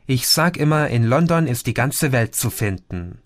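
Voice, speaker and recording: A man's voice: mid-range voice, expressive, moderate pace, dry recording, studio quality, close to an everyday voice. A man voicing a friendly, talkative middle-aged Portuguese café owner who likes to explain things. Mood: friendly, chatty.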